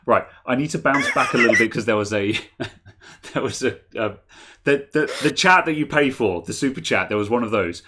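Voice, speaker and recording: A man's voice: mid-range voice, expressive, moderate pace, bright, forceful tone. A man co-hosting a casual tech chat, rambling, restarting sentences and laughing often. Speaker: podcast co-host.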